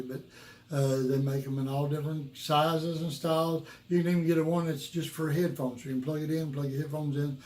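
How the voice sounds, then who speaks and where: A man with a worn rock-and-roll voice gives casual guitar instruction to viewers in a folksy, halting, repetitive way. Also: fairly high pitch, darkish tone. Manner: folksy, halting, repeats himself. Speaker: guitar teacher and video host. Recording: roomy, echoing room sound.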